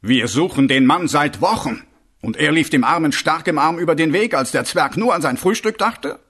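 A man voicing a brisk, terse male watch commander who speaks in clipped, short questions. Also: medium pitch, expressive, close to an everyday voice.

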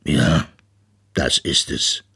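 A man voicing a worried, gruff father polar bear in a storybook reading, sighing and grumbling in a low voice. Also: expressive, a little slow, a bit bright, dry recording, clean studio sound, heavily acted. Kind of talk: audiobook character voice.

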